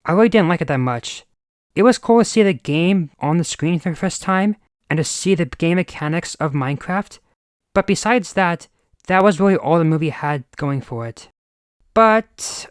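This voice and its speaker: A man's voice: on the high side, no room sound, clean studio sound. A man in his late twenties giving a scripted, exasperated movie review. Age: 20s. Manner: exasperated, ranting.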